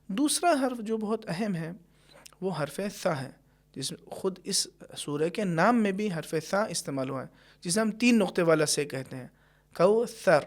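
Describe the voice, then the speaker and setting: A man teaching Quran recitation, explaining pronunciation patiently and carefully, and slowing down to demonstrate each sound. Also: sits high, lively intonation. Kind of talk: tajweed lesson with slow recited examples.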